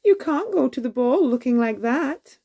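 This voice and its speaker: A woman's voice: high-pitched, expressive, normal speed, warm tone, highs cut off, pitched above the performer's own voice. Woman voicing a soothing, lilting fairy godmother. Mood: brisk. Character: kindly magical fairy godmother, soothing and brisk. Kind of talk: storybook read-aloud character voice.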